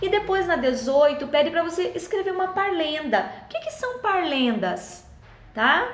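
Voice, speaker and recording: A woman's voice: extremely high pitch, big pitch swings, normal speed, a little hiss or hum. A woman teacher, patiently explaining schoolbook exercises to children in a friendly way and checking in often. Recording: echoey room.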